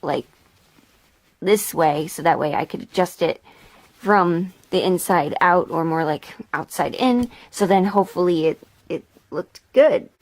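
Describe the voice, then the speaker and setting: A hobby historical seamstress hosts a sewing vlog, chatting casually and thinking aloud in a rambling, self-deprecating way. Her voice sits lowish and moves at a measured pace.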